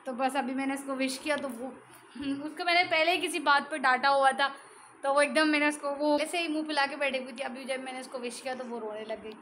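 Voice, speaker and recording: A woman's voice: high-pitched, fairly even intonation, a little fast, a bit bright, a little hiss or hum, poor audio. A young woman and mother chatting casually in a home vlog, talking in a loose, repetitive way. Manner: chatty, repeats herself, fills with "jo hai na". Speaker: vlogger and mother.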